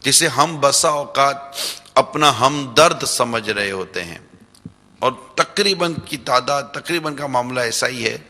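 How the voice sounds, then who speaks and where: Bright, gravelly-voiced male preacher in reverberant hall. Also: mid-range voice, lively intonation. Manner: addresses listeners directly with rhetorical questions and repetition. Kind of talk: religious lecture. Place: large religious center hall, live broadcast.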